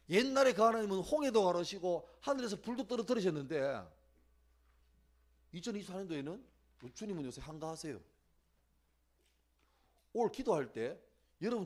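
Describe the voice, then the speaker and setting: A middle-aged man preaching to teenagers at a church retreat, switching between hushed asides and loud acted-out prayers. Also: high voice. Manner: animated, swings from hushed to shouting, acts out prayers. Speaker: youth pastor. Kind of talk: sermon. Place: church youth winter retreat.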